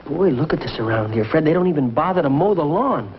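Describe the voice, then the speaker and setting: A man's voice: on the high side, expressive, heavy background noise, lightly acted. A young man leading a 1950s sitcom, talking eagerly and bossily. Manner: eager, fast, bossy pep talk. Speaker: sitcom lead. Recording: dull 1950s TV audio with music and audience.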